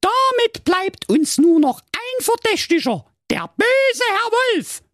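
Shrill fairy-tale girl detective Blaukäppchen, a man in falsetto. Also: big pitch swings, takes it slowly, a bit bright, no room sound, studio quality, heavily acted. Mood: shrill triumphant. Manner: shrill, pompous, accusing. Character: prim triumphant young girl detective, a cap-wearing fairy-tale parody.

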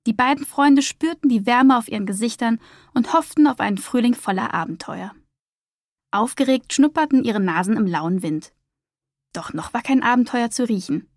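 Woman, storybook narrator, calm expressive reading, higher voice, dry close sound. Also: normal speed, no room sound.

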